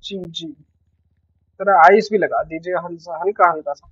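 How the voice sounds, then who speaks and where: A young man from India bantering in a roleplay, pleading and joking by turns. His voice sits a bit high. It comes through a dry mic with a slightly dull sound. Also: normal speed, fairly bright tone, breathy edge, no echo. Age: young adult. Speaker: streamer playing a roleplay character.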